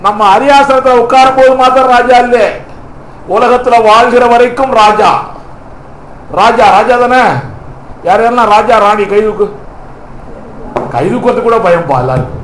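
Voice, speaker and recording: A man's voice: very high voice, moderate pace, long pauses, fairly bright tone, a little hiss or hum. A male pastor preaching a fervent sermon, firing rhetorical questions at the congregation and punctuating with hallelujah and amen. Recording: echoey hall.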